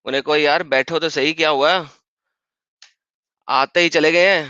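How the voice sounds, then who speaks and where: Insistent bright-voiced male debate host. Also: fairly high pitch, steady tone, clean tone, dry recording. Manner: insistent, polite, uses formal honorifics. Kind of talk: live-streamed debate. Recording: dull lo-fi stream audio.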